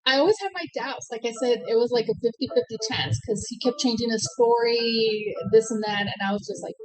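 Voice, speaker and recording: Soft-spoken older woman, wondering. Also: on the high side, a little fast, over music, low-quality recording. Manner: soft-spoken, repeats "wow". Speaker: scam victim. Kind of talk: casual conversation.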